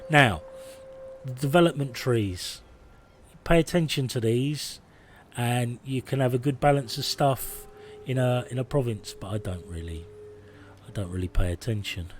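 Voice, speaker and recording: A man's voice: medium pitch, unhurried, pauses often, soft background music. A man in his forties streaming a strategy game, rambling and self-deprecating while reading the on-screen text aloud. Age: 40s. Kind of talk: casual gameplay commentary. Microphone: phone camera.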